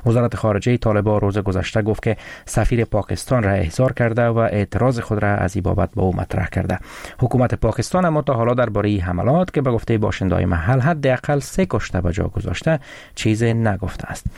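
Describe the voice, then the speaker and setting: A man, reading the news as anchor in a measured, formal newsreader delivery. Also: lowish voice, creaky, darkish tone, no room sound. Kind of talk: scripted news read.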